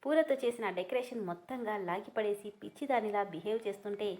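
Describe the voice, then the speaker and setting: A woman narrates a heartfelt family story aloud, her delivery steady and emotive. She reads at an even, medium pitch. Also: brisk. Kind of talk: storybook reading.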